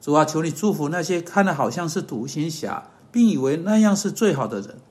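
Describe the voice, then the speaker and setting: A man giving an earnest sermon-style podcast teaching that closes in prayer, pausing on fillers and correcting himself as he goes. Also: a little high, animated. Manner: earnest, measured, with hesitant fillers and self-corrections.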